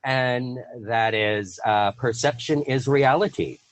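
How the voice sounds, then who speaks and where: A man hosting an interview over a video call, chatting casually, laughing often and talking in a lively way with plenty of fillers. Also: mid-range voice, slow pace, dry recording, rough recording. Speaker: host.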